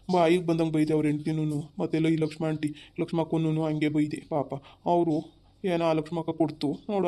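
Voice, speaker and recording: Guy acting as an upset village husband, flat mellow voice, nagging and fed up. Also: fairly high pitch, close to an everyday voice. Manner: scolding, exasperated. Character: frustrated husband who lost his savings. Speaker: actor. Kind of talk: village family drama.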